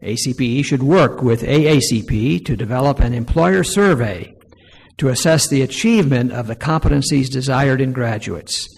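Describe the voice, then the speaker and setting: A man presenting poll results to an audience, reading each item aloud more loudly and slowly. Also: medium pitch, gravelly, slightly rough. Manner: reads each item aloud louder and slower. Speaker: presenter leading a workshop poll. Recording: long hall reverb.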